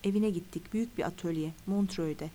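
A woman's voice: fairly low pitch, brisk, dark tone, slight background noise, natural voice. A woman reading as a terse male cop. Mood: curt. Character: brusque male police officer.

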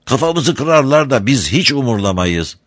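A man's voice: mid-range voice, big pitch swings, normal speed, no echo, clean studio sound, voice pushed up. A man voicing a humble, pleading wandering Bedouin shepherd in a read-aloud story. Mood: earnest. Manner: pleading, servile, repeats he is a sacrifice.

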